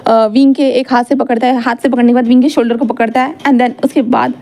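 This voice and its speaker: Brief: chatty woman storyteller, high pitch, mellow tone, casual code-mixed narration. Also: steady tone, brisk. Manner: chatty, mixes English words into Hindi narration. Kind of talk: casual retelling of fan fiction.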